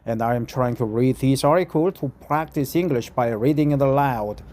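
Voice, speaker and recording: A middle-aged Korean vlogger practices English by reading an article aloud, halting often, repeating phrases, and using many fillers. He has a Korean accent and a medium-pitched, slightly mellow voice.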